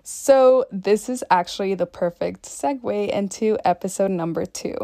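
A woman's voice: medium pitch, measured pace, creaky, dark tone, no room sound, clean studio sound. A young woman hosting a podcast, telling personal stories in a candid, casual way with some swearing. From Mexico and Texas. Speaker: podcast host. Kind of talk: personal storytelling monologue.

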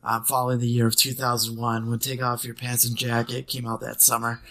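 A man's voice: medium pitch, monotone, a little fast, bright, forceful tone. Rambling, laughing podcast host man. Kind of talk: casual chat.

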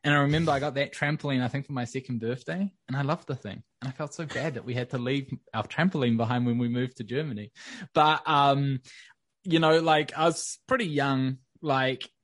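A young man from New Zealand with a New Zealand accent, chatting casually as a podcast guest in a relaxed, rambling way. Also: medium pitch, a little fast, dry recording. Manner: relaxed, rambling with many fillers. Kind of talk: casual interview.

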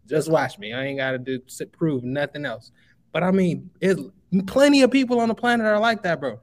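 A Chicago man in his twenties guests on a casual podcast interview, offering motivational advice. He talks emphatically and calls the listener bro, with a high-ish, expressive voice and a brisk pace.

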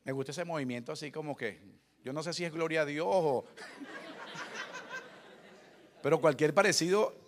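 A man's voice: a little high, sing-song, a little slow, pauses often. A middle-aged man, preaching a sermon with humorous family stories and acted-out quotes. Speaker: pastor.

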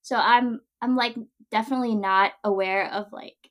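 A young woman in her twenties co-hosts a podcast in casual chat. She has a higher voice and fills her talk with "like" and "um," laughing often as she goes. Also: fairly even intonation, normal speed, fairly bright tone. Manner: filler-heavy, laughing, casual. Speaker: podcast co-host.

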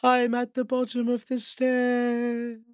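Give me a slow, wailing ghost, voiced by a man, high and eerie. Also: monotone, clear, resonant tone, no room sound, studio quality. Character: creepy ghost of a bloody finger, wailing.

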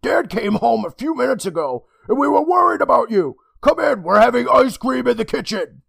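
A man voicing a mother who greets her daughter in a high, sing-song voice. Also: very animated, moderate pace, vocal fry, a bit bright, breathy edge, no room sound, heavily acted. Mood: falsely sweet. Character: cheerful mother, eerily welcoming.

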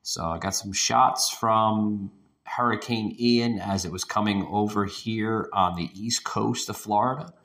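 Deep-voiced man talking in an echoing room. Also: a little slow, a bit bright. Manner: rambling, repeats himself, swears casually. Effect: echoing room sound. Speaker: podcast host. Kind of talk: casual ranting podcast monologue. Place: echoey room not normally used for podcasting. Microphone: home podcast setup over internet connection.

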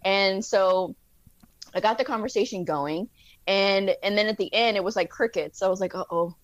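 A woman guest in a casual interview, telling lively stories, acting out quotes and laughing often. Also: mid-range voice, normal speed, lo-fi sound. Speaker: podcast guest.

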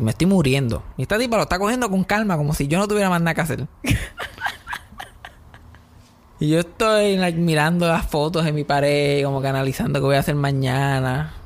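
A young man with a Puerto Rican accent, hosting a podcast and telling comedic stories in a casual, animated way, mixing in English words. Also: on the high side, fast talker. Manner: animated, mixes in English words, acts out scenes. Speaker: podcast host.

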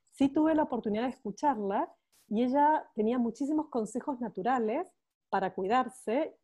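A woman in her forties from Argentina, a cosmetics expert, appears as a guest on a casual podcast and tells stories in a Buenos Aires Spanish accent. Her voice is a little high and mellow, and she hesitates and repeats herself.

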